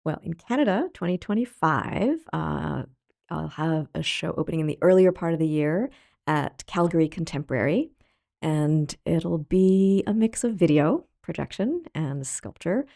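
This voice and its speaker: Middle-aged woman from Thailand, artist guest: low, gravelly, reflective, halting delivery. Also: expressive, warm tone, no room sound, studio quality. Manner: thoughtful, halting, laughs easily. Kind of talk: reflective interview talk.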